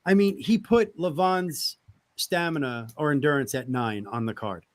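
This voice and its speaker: A middle-aged American man chatting casually in a blunt, animated way with plenty of swearing. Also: on the high side, normal speed. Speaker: participant in arm wrestling live chat. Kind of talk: casual chat.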